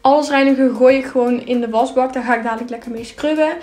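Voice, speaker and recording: A woman's voice: high voice, steady tone, fast talker, darkish tone, faint music behind. A young woman narrating a clean-with-me vlog in a chatty, upbeat voice-over with casual filler words. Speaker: vlogger.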